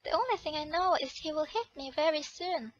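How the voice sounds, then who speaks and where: A woman's voice: sits high, lively intonation, a little fast, no room sound, highs cut off. A woman reading aloud a romance visual novel as the heroine, often correcting herself as she goes. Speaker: channel host reading a game.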